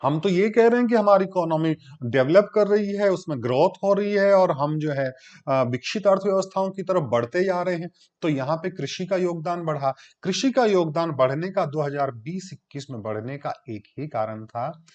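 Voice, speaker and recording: A man's voice: a little high, normal speed, a little mellow. A man giving a classroom lecture, explaining step by step and answering his own questions. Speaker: teacher. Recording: dull lo-fi recording.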